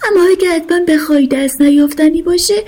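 A big, wise old dolphin from a storybook speaks kindly and patiently, as a woman narrator puts him on. The voice sits high yet mellow in tone. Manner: gentle, patient, explaining.

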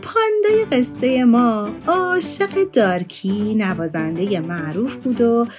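Woman, children's program host, friendly and direct with kids, slightly high voice, guitar music underneath. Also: expressive. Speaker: head of writers introducing the story. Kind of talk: scripted program introduction.

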